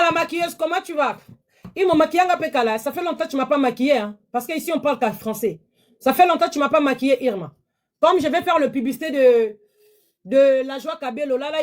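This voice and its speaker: A woman, hosting a live-stream sales pitch from her phone, chatty and repetitive, pleading with viewers. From DR Congo.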